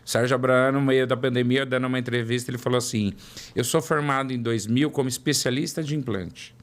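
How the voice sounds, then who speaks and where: Speaking fast in a steady, mid-range voice, a São Paulo man in his forties recounts his career as an interview guest. He works as a product development director, has a São Paulo Portuguese accent, and repeats words to stress his points.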